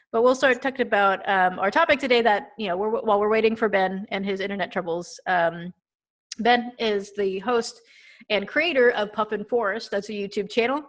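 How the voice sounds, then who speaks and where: Woman, from Texas, podcast host, casual chat, giggly, chatty, mid-pitched. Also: moderate pace. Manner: giggly, chatty, many fillers.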